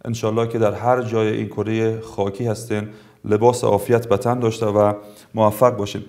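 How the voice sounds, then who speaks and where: A middle-aged man from Afghanistan with an Afghan Dari accent, teaching a tajweed lesson in a formal, courteous way and drawling each example word slowly twice. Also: lowish voice, level tone, a little mellow. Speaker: Quran recitation teacher.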